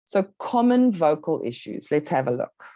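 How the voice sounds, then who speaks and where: With a low, mellow and somewhat sing-song voice, a South African woman runs a workshop, measured and instructive, putting weight on key words. The audio is dry, close, dull and lo-fi, much like an online talk.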